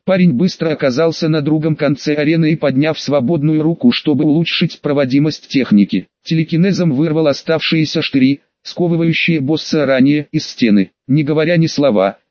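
A man's voice: on the high side, fairly quick, hardly any pauses, dry recording, lo-fi sound. Man narrating a fantasy audiobook. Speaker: audiobook reader. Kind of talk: scripted narration.

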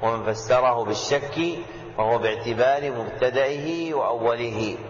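Male teacher, classical lesson commentary, deliberate and repetitive; roomy, echoey hall sound. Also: mid-range voice. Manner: measured, repeats key phrases for dictation. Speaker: sheikh teaching a text. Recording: echoey hall, dull lo-fi audio.

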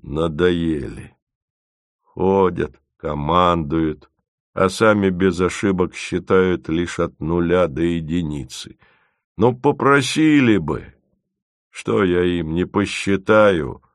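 A man voicing a tired, sardonic male computer that speaks in a measured, precise way. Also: sits low, no echo, studio quality. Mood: weary.

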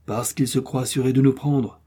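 A man's voice: medium pitch, fairly even intonation, normal speed, mellow, breathy edge, natural voice. A man voicing a bold scientist who leads a balloon voyage, giving urgent commands.

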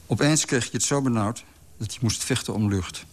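A man reading a literary story aloud in a calm, measured way. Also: mid-range voice. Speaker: narrator. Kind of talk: scripted literary narration.

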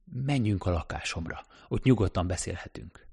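A man voicing an elegant young woman in an audiobook reading, softer and surprised. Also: low-pitched, animated, creaky, breathy edge, heavily acted. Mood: alarmed.

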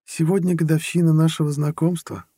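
A man reading an audiobook, voicing a playful, teasing young woman, the narrator's girlfriend, in a lighter, higher voice. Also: little pitch movement, a little fast, mellow, husky, no room sound, studio quality. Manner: light, teasing, giggly speech.

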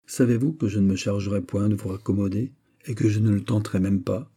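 A man's voice: fairly low pitch, fairly even intonation, a little fast, dark tone, slightly rough. A man reading an audiobook, voicing a gallant young French king who speaks in a courteous, persuasive way. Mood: teasing.

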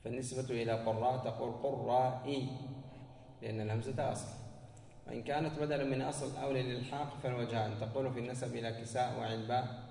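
A man of middle pitch leads a grammar lesson, asks the students a question, then answers it himself, repeating key words to drive them home. His voice rings through a large, reverberant hall. A faint hiss sits behind it. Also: level tone, fast talker, creaky, dark tone, recorded from a distance. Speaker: teacher of Arabic morphology. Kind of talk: classroom lesson explaining grammar.

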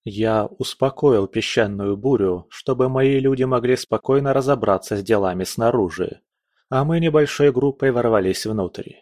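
A man's voice: moderate pace, no echo. Man narrating a fantasy audiobook, dry sound. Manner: raises pitch and volume for shouted dialogue lines.

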